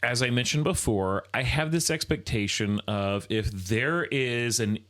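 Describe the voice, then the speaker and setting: A man's voice: medium pitch, measured pace, a bit bright. A man co-hosting a casual podcast, speaking bluntly and frankly. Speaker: podcast co-host. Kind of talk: casual chat.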